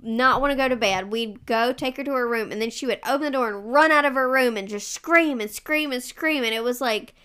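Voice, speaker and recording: Bright lively young woman telling stories. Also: a little fast, hardly any pauses, clear, resonant tone. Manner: animated storyteller, acts out her toddler's voice in high squeals. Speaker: podcast co-host. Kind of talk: casual chat.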